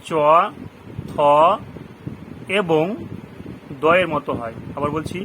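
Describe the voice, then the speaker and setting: Man teaching pronunciation over a hum. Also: fairly high pitch. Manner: repeats rules slowly, gives word examples with meanings; asks the listeners questions. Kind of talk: classroom lesson in Bengali. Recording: noisy background hum.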